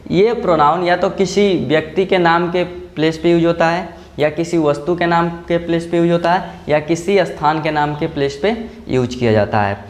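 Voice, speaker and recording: A male school teacher giving a slow classroom grammar lesson. He explains step by step and keeps checking that the class follows. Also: a little high.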